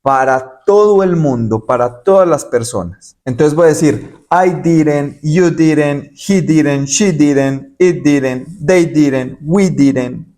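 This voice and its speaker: A male English teacher, his voice sitting a little high for a man. He walks through each point step by step and repeats the English examples slowly with clear stress. It sounds like a recorded video lesson. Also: mellow.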